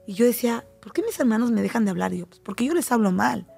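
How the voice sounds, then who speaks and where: A middle-aged woman with a Mexican accent, talking as a guest on a talk show and telling personal stories with lively, acted-out quotes. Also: on the high side, quick pace, creaky, breathy edge, soft background music. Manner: animated storytelling, acting out quoted voices. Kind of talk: casual talk show conversation.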